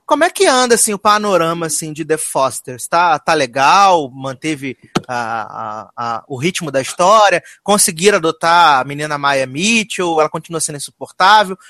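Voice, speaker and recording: A man's voice: fairly high pitch, lively intonation, normal speed, sharp tone, dry recording. A Brazilian man hosting a casual chat about TV series in a campy, gossipy way with dramatic slangy exclamations. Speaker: podcast host.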